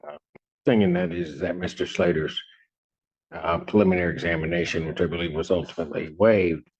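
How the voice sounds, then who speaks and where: Gravelly low-voiced judge in a courtroom recording. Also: male voice. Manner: measured, halting, many ums. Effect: courtroom audio recording. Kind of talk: formal court proceeding. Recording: muffled courtroom recording, faint hiss.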